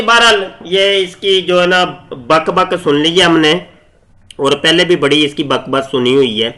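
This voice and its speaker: A high-pitched man delivers scornful commentary on his own channel. His voice is bright and sharp. He talks in a combative, mocking way. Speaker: channel host. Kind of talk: scornful commentary on a played clip.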